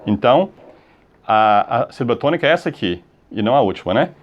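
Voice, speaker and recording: A man's voice: mid-range voice, big pitch swings, lo-fi sound. A Brazilian man teaching an English grammar lesson. He stretches out the example words and keeps checking in with the class between steps. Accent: Brazilian Portuguese. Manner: drawn-out model words, repeated checks like "tá?" and "ok?". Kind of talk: explaining grammar rules on a video lesson.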